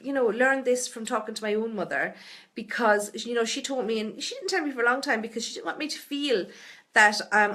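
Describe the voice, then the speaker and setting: A woman's voice: on the high side, a bit bright. A middle-aged woman with a Tipperary Irish accent, answering viewers' questions in a chatty, reassuring live stream full of "you know" and "okay?". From Ireland. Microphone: webcam or phone on a live stream.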